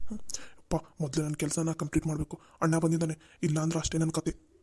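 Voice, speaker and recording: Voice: medium pitch, monotone, quick pace, dark tone, breathy edge, close to an everyday voice. A performer voicing a friendly young man at the office who chats in a worried, rambling way. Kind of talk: cartoon voice acting.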